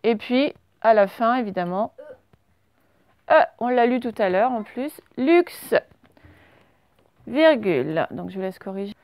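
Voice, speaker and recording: A French woman teacher giving a slow dictation lesson to young children, stretching out words and spelling letters. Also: fairly high pitch, expressive, a little mellow, dry recording. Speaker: primary school teacher.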